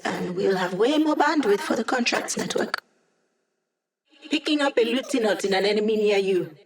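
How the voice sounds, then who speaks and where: A woman's voice: mid-range voice, close to an everyday voice. Hack, cocky young hacker played by a woman. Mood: determined. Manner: casual, wry, self-assured, technical. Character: brisk, confident, playfully cocky young female hacker guiding a squad. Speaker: mission support operator in a video game. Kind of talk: scripted video game voice acting.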